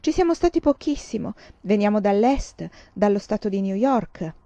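A woman's voice: mid-range voice, lively intonation, normal speed, mellow, no room sound, close to an everyday voice. A woman voicing a vain, snobbish teenage girl who speaks with a haughty, disdainful drawl. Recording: slightly dull, dry recording.

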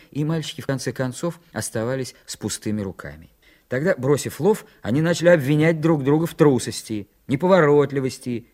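A man reading a children's story aloud in an expressive storytelling manner. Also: medium pitch. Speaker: narrator.

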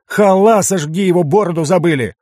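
A man voicing a loud, teasing male dwarf. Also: mid-range voice, very animated, moderate pace, no room sound, clean studio sound. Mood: alarmed. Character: boisterous, mocking male dwarf.

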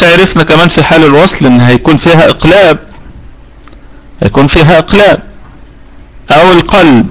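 A man's voice: a little high, a bit bright, rough recording. A man with an Egyptian accent teaching Quran recitation rules in a live online lesson, patiently asking students questions and repeating sounds to demonstrate them. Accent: Egyptian Arabic. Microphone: computer mic for online voice chat.

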